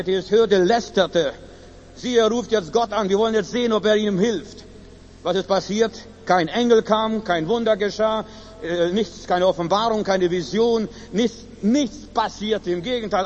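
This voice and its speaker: A man preaching a sermon at a church service, swinging between loud emphatic cries and low quiet asides. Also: big-room sound, highs cut off.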